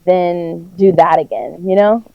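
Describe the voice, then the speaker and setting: A woman's voice: on the low side, fairly even intonation, unhurried, gravelly, a little hiss or hum. A woman chatting casually on a podcast, her voice muffled as if through a wall because her phone mic is covered, talking in a tired, rambling way. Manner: tired, rambling, lots of fillers. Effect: muffled, as if through a wall, mic covered by clothing. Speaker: podcast co-host. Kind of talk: casual chat.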